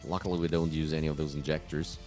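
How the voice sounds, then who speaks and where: A young gaming streamer with a German accent speaks quickly in a bass voice with a level tone while music plays in the background. He rambles casually in let's-play commentary, chuckling and talking to himself as he plays and reads his chat aloud.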